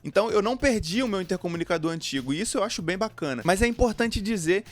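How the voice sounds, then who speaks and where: A man with a Brazilian Portuguese accent hosts a motorcycle gear review video, explaining products informally either to camera or as voice-over. His voice is high, expressive, and fast, with background music behind him.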